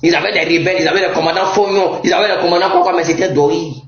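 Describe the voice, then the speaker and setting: A young man with an Ivorian French accent giving a heated political rant, mocking and often shouting and laughing. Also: high-pitched, fairly even intonation, rapid-fire. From Côte d'Ivoire. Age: young adult. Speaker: political commentator. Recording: roomy, dull lo-fi sound.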